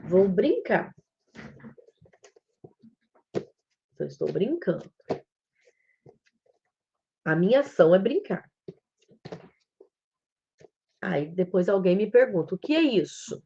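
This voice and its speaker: This live-streamed talk comes from a psychomotricity educator with a Brazilian Portuguese accent, whose mid-range voice is animated and dark, with vocal fry. She explains slowly, step by step, and mimics a child's way of speaking. The audio is dull, with a little hiss or hum.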